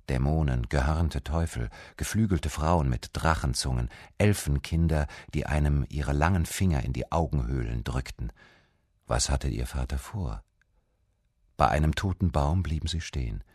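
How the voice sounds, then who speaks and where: A man reading a novel's prologue aloud as a voice-over translator, in a measured, calm way. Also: very deep voice, husky, no room sound, clean studio sound.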